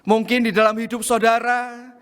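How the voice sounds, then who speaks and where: A male pastor preaching a sermon, telling a personal story in an animated way and often addressing the congregation directly. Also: extremely high pitch, normal speed, smooth, long reverb tail.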